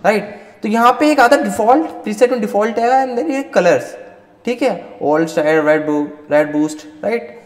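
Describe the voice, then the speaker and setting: A man leads an online lesson in a high, lifted voice. He mixes Hindi and English and keeps asking "right?" as he goes. The room is echoey, with a long tail of reverb. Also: animated, unhurried. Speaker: Photoshop instructor. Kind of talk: live online class teaching.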